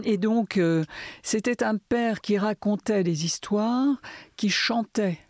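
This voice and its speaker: A woman in her seventies with a Parisian French accent, speaking as a writer in a thoughtful, measured interview with many hesitations. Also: mid-range voice, no echo, studio quality. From southern France, Catalan area. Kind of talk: reflective conversation.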